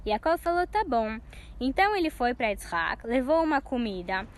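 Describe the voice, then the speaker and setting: A high-pitched woman tells a story for children. Her delivery is lively and animated, slowing down for key moments. The voice sounds close and clear.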